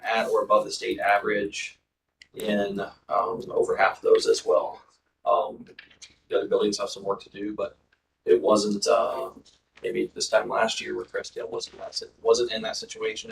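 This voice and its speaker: A man's voice: fairly low pitch, gravelly. A man reporting school test and attendance results to a school board, informal and full of ums and uhs. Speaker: school district administrator presenting data. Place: school board meeting room. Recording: distant microphone in a meeting room.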